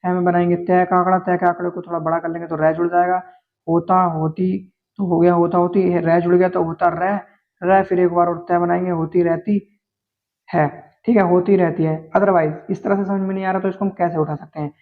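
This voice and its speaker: A man teaching shorthand step by step, patient and repetitive, often pausing on "theek hai" as he works through each word. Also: high voice, little pitch movement. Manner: patient, repeats words slowly, many "theek hai" fillers. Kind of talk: explaining Hindi shorthand outlines step by step. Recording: tinny, phone-like narrow sound.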